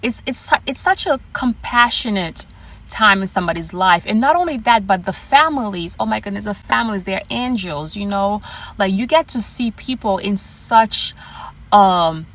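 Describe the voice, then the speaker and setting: A woman's voice: mid-range voice, animated, normal speed, a bit bright. A woman speaking casually and earnestly as a nurse on her personal vlog, often checking in with the listener with small tags. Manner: conversational, often checks in with "okay" and "you know". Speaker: hospice nurse and vlogger.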